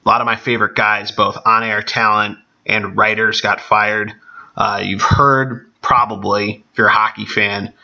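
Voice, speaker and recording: Gravelly-voiced man hosting a casual podcast. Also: on the low side, level tone, moderate pace, bright, forceful tone. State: congested with allergies. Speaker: sports podcast host. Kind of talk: casual solo podcast talk. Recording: dull, band-limited podcast audio.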